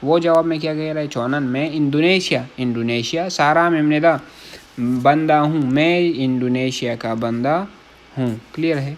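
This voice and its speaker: A man from Pakistan, teaching Korean vocabulary in a casual lesson. He reads each word, repeats it, glosses it in Urdu and keeps checking that listeners follow. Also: fairly high pitch. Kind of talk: casual classroom-style lesson.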